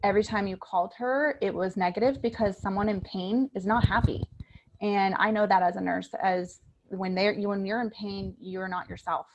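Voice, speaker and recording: A woman in her thirties, a registered nurse, telling an earnest, animated personal testimonial on a group call. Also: medium pitch, moderate pace, dull audio, a little hiss or hum.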